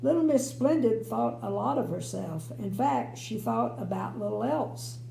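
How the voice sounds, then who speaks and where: A woman's voice: on the high side, expressive, measured pace, vocal fry, warm tone. An older woman, a grandmother, reading a children's story aloud with folksy, chatty asides. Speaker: grandmother reading bedtime stories. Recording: roomy home recording, faint hum.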